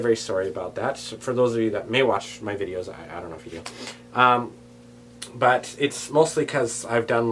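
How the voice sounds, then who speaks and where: A man's voice: mid-range voice, slight background noise. Chatty man rambling on a home vlog. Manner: animated, tangent-prone, swings between loud bursts and quiet asides. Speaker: vlogger.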